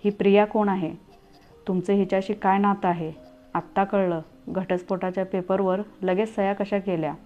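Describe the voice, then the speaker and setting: A woman's voice: medium pitch, fairly even intonation, normal speed, natural voice. A woman voicing a hurt young wife who questions her husband in a pleading, reproachful way. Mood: hurt, accusing. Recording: tinny phone-like audio, faint music.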